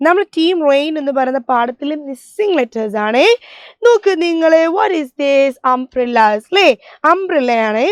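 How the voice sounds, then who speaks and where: A woman's voice: high-pitched, expressive, unhurried, no room sound. A young woman teacher, coaxing small children through a spelling lesson and spelling words out letter by letter in a sing-song way.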